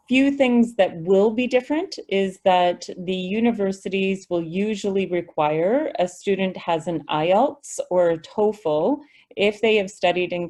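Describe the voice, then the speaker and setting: With a medium-pitched, slightly mellow voice, a woman speaks for a school district in a webinar Q&A. She reads questions and answers them patiently and explanatorily over an online video call.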